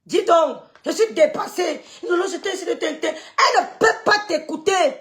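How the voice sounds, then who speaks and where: Her very high voice keeps a moderate pace as this middle-aged woman goes on a heated live-stream rant. A social media gossip streamer, she scolds with scorn those she blames for causing trouble, repeatedly sucking her teeth in dismissal.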